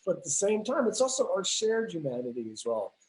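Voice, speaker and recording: A woman's voice: on the low side, sing-song, a little fast, a little mellow, poor audio. A woman hosting a live-stream video chat, effusive and gushing with praise. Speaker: host.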